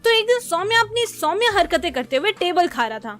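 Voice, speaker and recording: High-voiced sarcastic woman storyteller. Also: brisk. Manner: sarcastic, self-mocking, expressive. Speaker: animated storyteller. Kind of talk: comedic storytelling narration.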